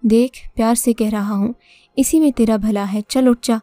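A woman's voice: a little high, steady tone, mellow, no room sound, studio quality, close to an everyday voice. A woman voicing a crude, drunken man who bullies and coaxes in a horror storybook. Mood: menacing. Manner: coaxing, then bullying. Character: crude, drunken male debt collector, menacing.

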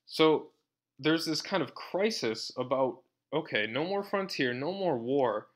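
A man's voice: a little high, expressive, a little slow. A man giving a university lecture in a conversational way, often checking in with "right?" and using a sarcastic tone. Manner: conversational, frequent tag question "right?".

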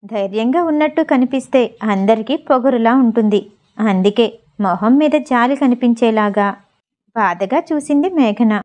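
A woman reading a story aloud as an audiobook narrator, steady and measured. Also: a little high. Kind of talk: scripted narration.

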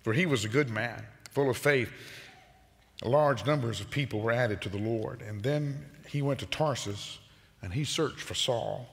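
An older man preaching a sermon as pastor, animated and moving about the stage in a large church auditorium. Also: medium pitch, normal speed, gravelly. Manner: animated preacher, gesturing while pacing the stage. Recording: long reverb of a large sanctuary.

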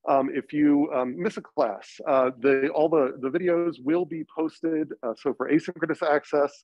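Male university lecturer, higher-pitched, speaking through a face mask with a cold; informal, halting delivery, slightly muffled sound. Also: steady tone, no room sound. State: getting over a cold. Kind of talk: informal lecture introducing a course. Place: lecture classroom. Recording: slightly dull, muffled classroom recording.

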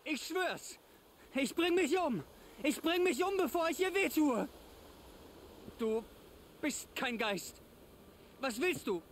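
Game role: a haunted outcast, high and anguished, pleading, slight background noise. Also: male voice, lively intonation, takes it slowly, long pauses, full character voice. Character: tormented outcast man hearing spirit voices. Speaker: game character.

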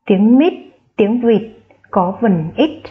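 A woman primary school teacher with a voice on the high side speaks slowly and with animation in a careful phonics lesson for young children. She spells sounds aloud and stresses key words, and the audio has phone-like quality.

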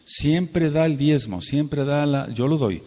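Preacher in a reverberant hall. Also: male voice, fairly high pitch, slow pace, a little mellow. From Mexico. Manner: preaching, asks the congregation questions. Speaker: pastor. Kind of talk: sermon teaching.

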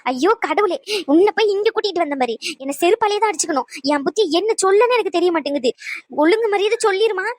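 A woman voicing a shrill scolding cartoon mother. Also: expressive, fast, dry recording, clean studio sound. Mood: scolding, wailing. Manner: loud, scolding, wailing. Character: exasperated middle-aged mother, shouting at her old mother. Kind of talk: cartoon voice acting.

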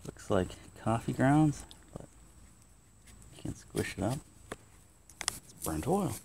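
A middle-aged man vlogging in casual running commentary, chatty and explaining what he does as he goes, sometimes hushed. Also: medium pitch, creaky. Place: in a car and outdoors in a driveway. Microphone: handheld or dash-mounted camera. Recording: noisy outdoor and road sound.

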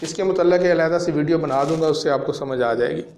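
A man in his thirties, a homeopathic practitioner, explaining a medicine to camera in a measured way with frequent fillers, in a small room. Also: fairly high pitch, darkish tone, slight background noise. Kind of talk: educational talk to camera. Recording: echoey room.

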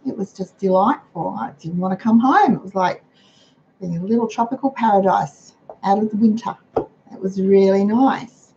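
An older Australian woman hosts a frugal living livestream from her home dining room, talking in a homely, chatty way. Her voice is hoarse and croaky, with a mellow, dark tone. A computer webcam picks it up, giving dull, lo-fi sound with faint hiss.

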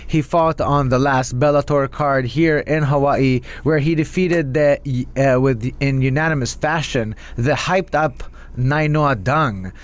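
A man co-hosting a podcast, introducing the guest in a halting way. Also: medium pitch. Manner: slow, halting delivery. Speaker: podcast co-host. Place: podcast studio with red curtains. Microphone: headset and desk podcast mic.

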